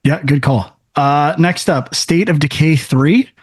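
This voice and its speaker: A man co-hosting a gaming podcast, leading the rundown in a halting, chatty way. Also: on the high side, husky, no room sound. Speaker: podcast co-host. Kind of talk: casual chat.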